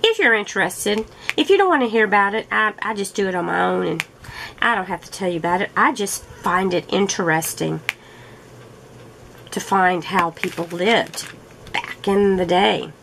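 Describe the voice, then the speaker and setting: A woman's voice: mid-range voice, normal speed, vocal fry, fairly bright tone, slight background noise, rough recording. A woman hosting a crafting channel, chatting casually in a rambling, friendly way with small laughs. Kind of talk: casual chat while crafting.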